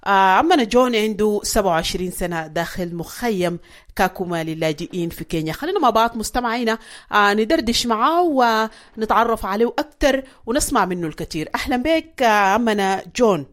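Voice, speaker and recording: A woman's voice: mid-range voice, expressive, quick pace. A woman with a Sudanese Arabic accent hosting a radio program, interviewing in a conversational, probing way in a refugee camp. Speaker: radio host. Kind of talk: field interview.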